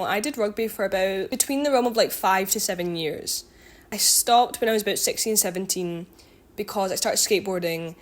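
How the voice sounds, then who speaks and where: A twenty-year-old woman chatting casually to her viewers, rambling with lots of ums and likes and correcting herself as she goes. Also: mid-range voice. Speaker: vlogger and student. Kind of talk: casual chatty catch-up vlog.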